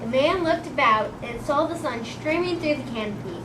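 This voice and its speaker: High-voiced female story narrator, distant. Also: expressive, normal speed. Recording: noisy, echoey room, far from mic.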